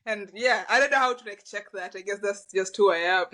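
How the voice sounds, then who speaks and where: A woman's voice: medium pitch, a little fast, sharp tone, poor audio. A young woman with a Kenyan accent chatting casually, telling stories with laughter between phrases. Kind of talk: casual chat.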